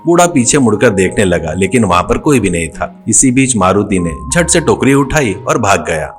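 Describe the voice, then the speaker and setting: A man's voice: fairly low pitch, big pitch swings, moderate pace, faint music behind. A man narrating a cartoon story in a plain storytelling voice.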